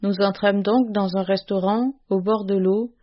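A woman reading a classic short story aloud as narrator, in a measured, even storytelling manner. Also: mid-range voice, lo-fi sound. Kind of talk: scripted audiobook narration.

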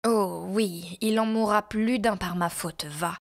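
A woman's voice: medium pitch, fairly even intonation, slow. A woman voicing a sick, tearful young woman who speaks in breathless, emotional pleas, in a storybook reading. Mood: vengeful.

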